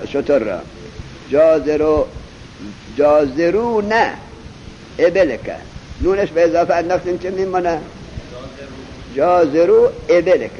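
A male teacher giving a lesson, drilling his students with questions and reciting each example slowly and with emphasis. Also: fairly high pitch, darkish tone. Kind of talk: classroom lesson on Arabic grammar. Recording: muffled lo-fi recording with faint hiss.

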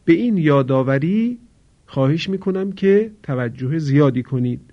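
A man's voice: a little high, expressive. Persian man teaching Quran recitation. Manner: slow drawn-out recitation of example words between quick explanations. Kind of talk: tajwid lesson with call-and-repeat recitation. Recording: dull lo-fi recording.

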